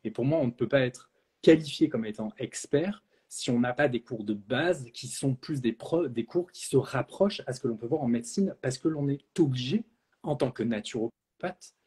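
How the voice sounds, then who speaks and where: A naturopath and trainer, he holds forth in a live question-and-answer talk with a darkish, breathy, medium-pitched voice. His manner is outspoken and blunt, broken up by frequent hesitations.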